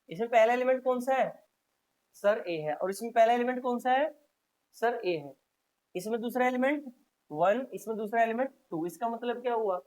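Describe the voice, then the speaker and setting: A man teaches maths in a steady classroom-lecture manner. He drills each point by repeating it, poses questions to the class and then supplies the answers himself. Short prompts to the listeners punctuate his explanation. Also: high-pitched. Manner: repetitive, drilling, frequent "haan ji" prompts.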